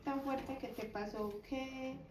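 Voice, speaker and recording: A woman hosting a podcast, asking gentle questions while searching for words. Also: high voice, steady tone, slow pace, background noise. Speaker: podcast host. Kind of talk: interview questions.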